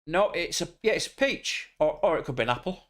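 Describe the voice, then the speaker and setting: A man's voice: a little high, animated, brisk, fairly bright tone. An English man streaming a truck driving game, chatting casually with crude, joking banter. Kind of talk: casual gaming chat.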